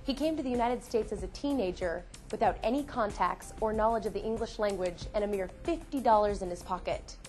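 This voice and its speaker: A female co-host gives a polished, read-aloud introduction for the next segment. Her pitch is moderate, and soft music runs behind her. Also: a little fast, hardly any pauses. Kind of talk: scripted introduction.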